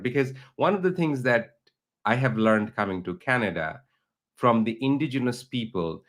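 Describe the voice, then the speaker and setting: A man's voice: fairly low pitch, fairly bright tone. A middle-aged man from Bangladesh, a teacher and researcher, interviewing a guest online with long, earnest questions. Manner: earnest, builds up long questions, rising emphasis.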